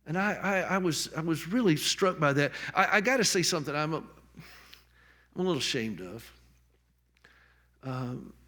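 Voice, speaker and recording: A man's voice: fairly high pitch, animated, a little slow, long pauses, pushed and bright. Man giving an emotional stage tribute. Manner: jokey then tender, repeats and restarts words. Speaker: tribute speaker at a book launch. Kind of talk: heartfelt public tribute speech. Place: on stage at a public event.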